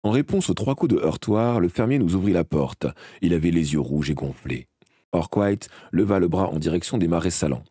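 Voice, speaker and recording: A man reading a novel aloud live as an audiobook, expressive but with occasional slips and restarts. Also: low voice, moderate pace, slightly rough, no room sound, studio quality. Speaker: audiobook reader.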